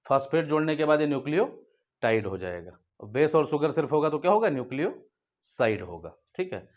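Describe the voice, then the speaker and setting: A man's voice: on the high side, big pitch swings, fairly quick, dull audio. A man teaching a biology class, asking his own questions and answering them, and often calling the students "beta". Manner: repeats key points as questions and answers them; addresses students fondly as "beta". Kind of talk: whiteboard lecture for school students.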